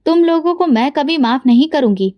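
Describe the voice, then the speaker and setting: A woman's voice: high voice, animated, normal speed, mellow. A woman voicing a patient widowed mother who speaks firmly and reproachfully. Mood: firm reproach. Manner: firm, reproachful.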